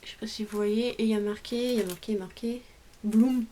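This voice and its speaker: Woman vlogger, slightly high voice, chatty and hesitant, faint background hiss. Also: fairly even intonation, fairly quick, dark tone. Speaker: craft vlogger. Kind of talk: casual show-and-tell haul.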